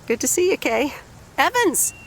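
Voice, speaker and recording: A woman's voice: high voice, big pitch swings, a bit bright, a little hiss or hum, heavily acted. An actress playing a friendly woman in her forties back in her hometown in a video game, with a light, teasing way of talking. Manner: light, teasing, quick to laugh.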